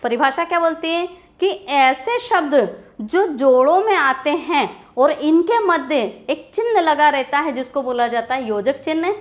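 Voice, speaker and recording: A woman's voice: high voice, lively intonation, unhurried. A woman teacher giving a grammar lecture, repeating key terms and answering her own questions.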